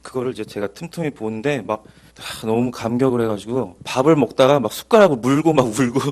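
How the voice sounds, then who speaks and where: A man in his thirties, an evangelist, giving an earnest, animated Bible lecture that mixes in his personal testimony. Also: medium pitch.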